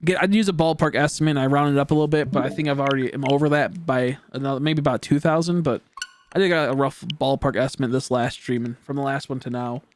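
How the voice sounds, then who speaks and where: A man's voice: medium pitch, fairly even intonation, fast talker, slight background noise. A teenage boy streaming a game, chatting casually and rambling, often trailing off into mumbles. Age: teens. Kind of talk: casual chat while gaming.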